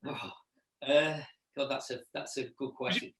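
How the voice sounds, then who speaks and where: A middle-aged man, chatting casually as an interview guest and haltingly repeating words as he recalls things. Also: medium pitch, flat delivery, fairly bright tone. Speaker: restaurant owner and chef, interview guest. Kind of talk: casual interview chat, reminiscing. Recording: echoey room, distant mic.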